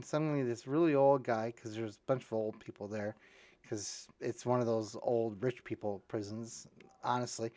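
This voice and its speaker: A man hosting a podcast, telling a long joke in a rambling way, with restarts. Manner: rambling storyteller, restarts, jumps to high voices for punchlines. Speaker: podcast host.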